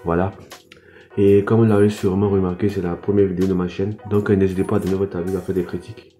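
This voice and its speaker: Young French male vlogger, casual anime review, halting delivery, low warm tone, soft music under. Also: level tone. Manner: hesitant, many fillers and restarts. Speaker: anime YouTuber.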